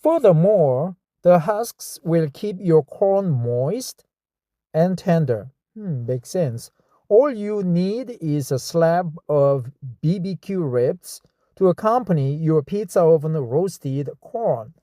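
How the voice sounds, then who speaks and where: A man's voice: fairly high pitch, lively intonation, dark tone, no echo. A man from Korea with a Korean accent reads a text aloud in English and stops to comment and practice words again and again. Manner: slow, repeats and practices words. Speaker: reader studying English.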